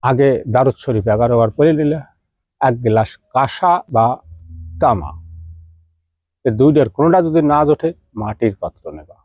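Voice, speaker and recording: A man's voice: medium pitch, expressive, normal speed, long pauses, no room sound. A man speaking in an explains folk remedies to his viewers in an easy, chatty teaching manner. He breaks in with direct questions to his listeners as he goes. The recording is dry and dull, with a lo-fi tone. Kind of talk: casual spoken instruction to viewers.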